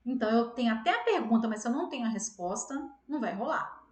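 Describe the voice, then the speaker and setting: A woman's voice: a little high, animated, fast talker, roomy sound. A woman teacher with a Brazilian Portuguese accent giving a casual grammar lesson, acting out her students' questions and answering them in a chatty way.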